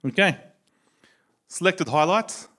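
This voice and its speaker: An Australian man teaching a sermon to a live audience in a lively, conversational way, asking them questions. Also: high voice, slow pace. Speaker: preacher.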